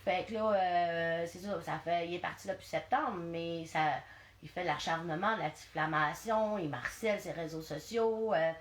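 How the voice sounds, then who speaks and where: A woman with a Quebec French accent, a mother being interviewed, speaking hesitantly and softly. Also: lowish voice, moderate pace. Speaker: interview guest. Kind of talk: casual interview. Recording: echoey room, faint noise.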